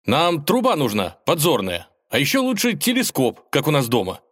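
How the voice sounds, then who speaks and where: A man doing an eager young Ivan, high and excited. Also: moderate pace, exaggerated voice. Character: boy hero Ivan, eager and clever.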